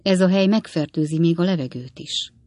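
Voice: medium pitch, a little mellow, no room sound, close to an everyday voice. A reader voicing a weak, dying prisoner. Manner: weak, faint. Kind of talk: audiobook character reading.

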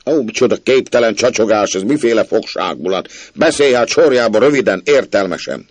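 A man reading a story aloud, voicing a cranky, ailing old country gentleman who scolds and thunders. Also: on the low side, animated, no room sound, voice pushed up. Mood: gruff. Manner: scolding, blustering, thundering outbursts.

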